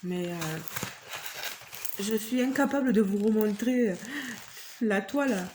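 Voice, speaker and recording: A woman vlogger with a slow, mid-range voice chats directly to her viewers while unboxing a craft kit, marvelling at each item she shows. The casual recording has an echoey room sound and background noise.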